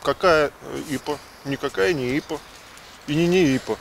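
A man's voice: fairly high pitch, normal speed, creaky, a little hiss or hum. A man in his thirties chatting casually outdoors as a beer reviewer, blunt and swearing freely. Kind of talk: casual tasting chat. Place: outdoors in a city park.

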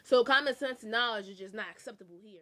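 A woman's voice: fairly high pitch, quick pace, fairly bright tone. A young woman, a daughter, ranting in a casual vlog in a scolding, dismissive way. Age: young adult. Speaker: daughter answering a video.

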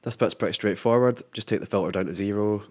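A man with a Glaswegian accent hosting a synth tutorial, talking in a relaxed, rambling way with plenty of fillers. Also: fairly low pitch, quick pace. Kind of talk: casual tutorial talk.

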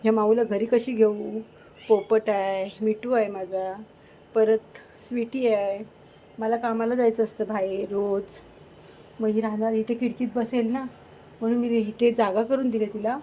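A woman's voice: on the high side, level tone, a little slow, warm tone, highs cut off, a little hiss or hum. A woman fussing over her cat and talking to it, in a casual home vlog at night. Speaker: vlogger caring for a pregnant cat.

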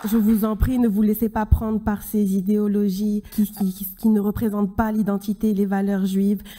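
A woman in her thirties giving a closing conference speech from a podium, earnest and halting, with many restarts. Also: medium pitch, level tone, warm tone. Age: 30s. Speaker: keynote speaker. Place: large conference hall stage at a podium. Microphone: podium microphone.

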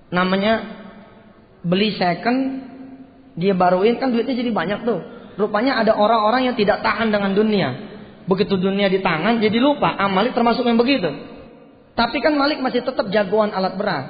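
A man preaching a sermon, telling a story in lively, colloquial speech and acting out the dialogue. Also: fairly high pitch, big-room sound, highs cut off.

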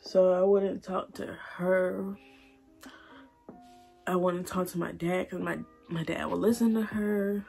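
A young woman, crying and halting as she tells her story while doing her makeup. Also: fairly low pitch, fairly even intonation, creaky, warm tone, husky, soft background music. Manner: emotional, halting, repeats herself. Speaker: beauty vlogger. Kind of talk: tearful get-ready-with-me chat.

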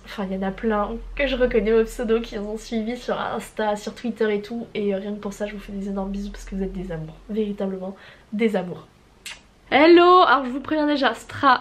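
A woman's voice: fairly high pitch, a bit bright. A woman of twenty-four with a stuffy nose, chatting casually and rambling about her writing progress with slang and swearing. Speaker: writer vlogging her progress. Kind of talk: casual chat.

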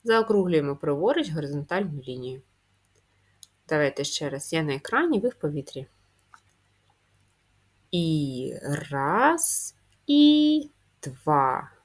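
Woman, schoolteacher, slow and patient, lowish voice, spells out sounds one by one. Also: sing-song. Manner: patient, drawn-out, answers her own questions. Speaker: primary school teacher. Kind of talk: slow, clearly spelled-out handwriting lesson.

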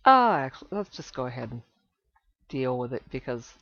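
A woman hosting a let's play of an old computer game, relaxed and thinking aloud as she reads the game's text. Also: extremely low pitch, moderate pace, dry recording. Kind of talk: casual game commentary. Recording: slightly dull lo-fi desktop recording.

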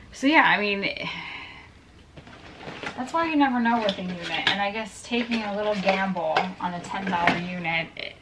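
A woman in her thirties with a medium-pitched voice speaks against a noisy background while digging through an indoor metal storage unit. As a reseller vlogger, she narrates casually and wryly to the camera, thinking aloud about what she finds.

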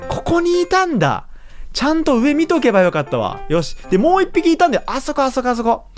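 A woman giving casual let's-play commentary, chatty and excitable, laughing often as she reacts. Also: sits high, fast, faint music behind. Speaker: gaming YouTuber.

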